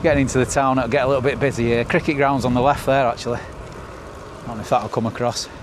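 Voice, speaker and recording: This is a middle-aged man from the north of England, a cycling vlogger chatting away as he rides, cheerful in the manner of a travel presenter. He speaks fast at a medium, steady pitch. The outdoor audio is noisy with wind and passing traffic.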